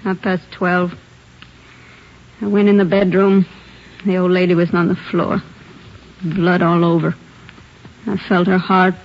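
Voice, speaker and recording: Playing a murder suspect in a 1950s radio play, this actress gives a young woman who is defiant and sullen, curt and quick to snap back. She speaks fairly low and flat at a measured pace, pausing often, and the old broadcast sounds dull.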